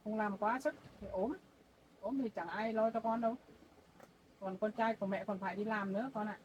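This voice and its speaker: An older woman talking as a grandmother, gently giving motherly advice and doting on the family in casual chat. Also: medium pitch, fairly even intonation, moderate pace, highs cut off, slight background noise. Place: rural home, indoors.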